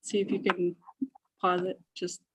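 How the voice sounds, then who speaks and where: A woman's voice: lowish voice, little pitch movement, unhurried, fairly bright tone, breathy edge. A woman giving a formal presentation on a video call, her voice distant and hollow, as if inside a fishbowl far from the microphone. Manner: laughs off technical trouble, then talks on steadily. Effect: distant, hollow sound, as if inside a fishbowl far from the mic. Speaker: applicant's presenter at a public hearing.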